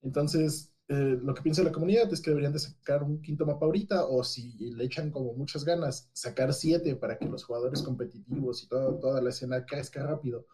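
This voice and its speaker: A man's voice: medium pitch, fairly even intonation, brisk, hardly any pauses, dark tone. A man giving a casual, hesitant, explanatory gaming news report as a podcast co-host.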